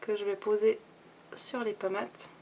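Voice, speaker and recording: A young woman talking casually through a makeup tutorial and review, thinking aloud with many pauses and restarts. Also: medium pitch, flat delivery, a little mellow, slight background noise. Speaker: beauty vlogger.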